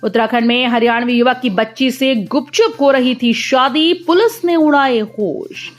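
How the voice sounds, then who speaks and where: A woman with a fairly high voice reads scripted news headlines one after another. Her delivery is steady and formal, like a bulletin. Faint music plays under her voice the whole time. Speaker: news reader.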